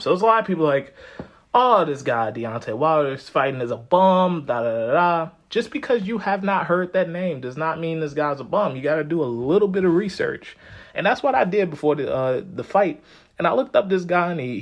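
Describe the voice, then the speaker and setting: Brief: male podcast host, mid-pitched voice, loose and animated, swears freely while recapping fights. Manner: animated, profane, conversational. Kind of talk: casual sports commentary.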